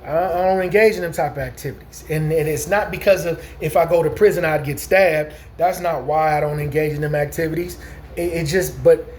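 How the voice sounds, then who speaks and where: A man in his late forties talks directly to his audience in a loose, meandering vlog monologue of casual storytelling, his voice unusually high for a man, fairly even, fairly quick, and a little mellow. He rambles, stumbles and restarts often, and keeps repeating "you know what I'm saying," all over a faint background hiss.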